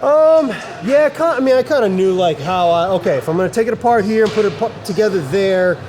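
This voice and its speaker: High-pitched laid-back middle-aged skater man. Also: expressive, fairly quick, a little mellow, slight background noise. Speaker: guest, skate park builder. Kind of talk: casual chat. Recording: music playing behind the voice.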